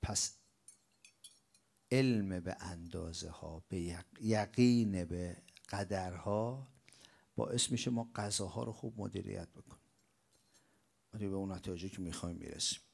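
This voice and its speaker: A man preaching a religious lecture, asking rhetorical questions and answering them himself, swinging between loud bursts and quiet stretches. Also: low-pitched, vocal fry, pauses often.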